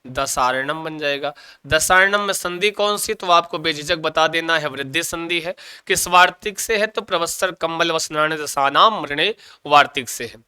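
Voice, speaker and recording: A man's voice: on the high side, moderate pace, sharp tone, smooth, dry recording. A man teaching Sanskrit grammar in an exam coaching lecture, asking questions and answering them himself, with much repetition. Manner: asks and answers his own questions, repeating answers; calls students "bhaiya" and "ji".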